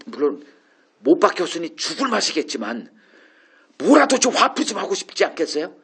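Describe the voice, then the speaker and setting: A man with a husky, slightly breathy voice delivers a conversational sermon as a pastor. He talks through a Bible passage in an informal, musing way, often asking rhetorical questions before answering them himself. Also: mid-range voice.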